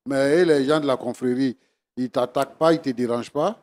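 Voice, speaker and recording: A man's voice: medium pitch, brisk, darkish tone. A man, a pastor on a TV panel asking hesitant, probing questions.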